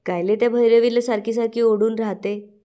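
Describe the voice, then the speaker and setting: A woman's voice: a little high, fairly even intonation, normal speed, warm tone, natural voice. A woman voicing a scheming, hard-drinking middle-aged man who grumbles and plots. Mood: grumbling. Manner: grumbling, plotting.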